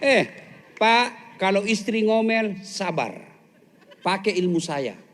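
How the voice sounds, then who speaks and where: A man's voice: high-pitched, sing-song, slow pace, fairly bright tone. A man preaching a humorous sermon to a live audience, teasing listeners and acting out little scenes. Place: police headquarters hall with audience.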